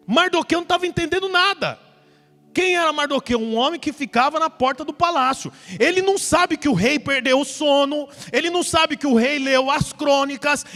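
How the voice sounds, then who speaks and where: A male pastor preaching a sermon, telling a Bible story in a lively way and acting out the characters in a church. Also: very high voice. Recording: hall reverb with faint music.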